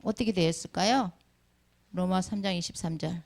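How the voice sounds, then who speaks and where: A woman's voice: lowish voice, moderate pace, vocal fry, a little mellow. A middle-aged woman teaching a Sunday school lesson, calling on children by name and asking them questions. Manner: calls on children by name and asks many questions. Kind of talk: children's sermon with questions to the class.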